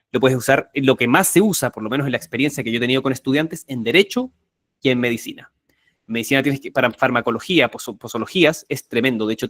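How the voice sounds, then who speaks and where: A man's voice: medium pitch, no room sound, clean studio sound. Emphatic male memory workshop instructor. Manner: energetic, emphatic, repeats key words. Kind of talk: live online workshop.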